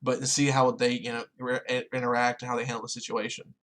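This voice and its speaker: A man's voice: medium pitch, flat delivery, fast, a bit bright. A young man co-hosting a podcast, rambling through casual chat and filling it with "like". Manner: rambling, heavy use of "like". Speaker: podcast co-host.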